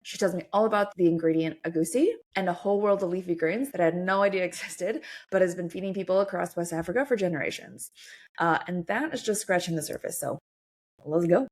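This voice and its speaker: A woman's voice: lowish voice, brisk. A woman hosting a podcast, upbeat and enthusiastic, chatting casually with many fillers. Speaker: podcast host. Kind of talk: casual interview chat.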